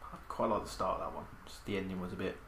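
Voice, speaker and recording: Low-voiced laid-back co-host. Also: male voice, steady tone, rapid-fire. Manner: laid-back, short replies. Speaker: podcast co-host. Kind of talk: casual chat about films. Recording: roomy echo from off-mic, faint hiss.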